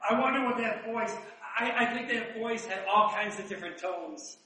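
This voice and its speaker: A man giving a chatty Bible teaching, asking rhetorical questions and reading verses slowly. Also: high voice, bright, forceful tone. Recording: roomy echo, distant mic.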